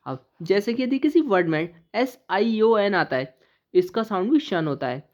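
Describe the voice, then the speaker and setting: A woman teaching an English pronunciation lesson who spells out letters and then says each word slowly and deliberately. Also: medium pitch, animated, a little mellow. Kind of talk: classroom-style lesson explaining pronunciation. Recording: slightly dull, lo-fi recording.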